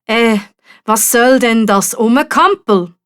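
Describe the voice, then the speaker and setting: A woman voicing a huge, gruff male dragon in a storybook, imperious and challenging, with a slow growling manner. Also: on the high side, a bit bright. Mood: annoyed. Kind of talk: storybook character voice.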